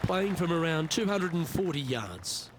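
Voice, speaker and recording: A man's voice: fairly high pitch, animated, unhurried, crowd noise, background noise. A man giving golf commentary as the lead announcer of a tournament.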